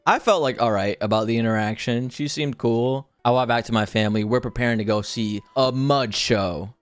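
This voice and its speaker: A man in his twenties telling a story to a chat in a casual, slangy, conversational way. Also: medium pitch. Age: 20s. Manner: conversational, slangy, acts out quoted dialogue.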